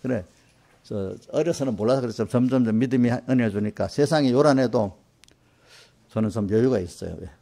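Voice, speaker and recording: A man's voice: mid-range voice, a little fast, gravelly, dark tone. A middle-aged male pastor giving a conversational sermon in a church, often checking in with the congregation with short tag questions. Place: church sanctuary.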